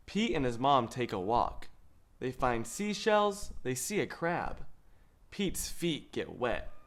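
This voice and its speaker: A young adult man hosts a children's picture book read-aloud in an indoor studio. He tells the story unhurriedly with an animated pitch, measured yet expressive, lifting the quoted lines.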